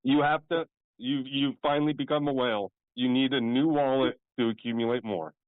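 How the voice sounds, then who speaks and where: A man with a mid-range voice on a dry, phone-like voice call. He speaks jokingly, pausing now and then as he explains. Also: mid-range voice, steady tone, smooth, no echo. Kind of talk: casual chat. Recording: tinny online voice call.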